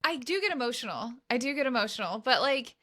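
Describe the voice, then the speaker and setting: A woman's voice: fairly high pitch, big pitch swings, fast talker, bright, forceful tone. A woman in her thirties co-hosting a podcast in casual chat, talking eagerly with lots of "like" and many restarts. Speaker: podcast co-host.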